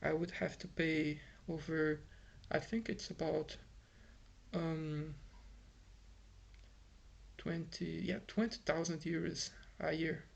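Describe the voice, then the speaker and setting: A young Brazilian vlogger, a native Portuguese speaker, rambles in accented English at his home in Ireland, frustrated and full of fillers and restarts. His slightly high voice is level, creaky and slightly rough, and he takes it slowly with long pauses in this casual monologue.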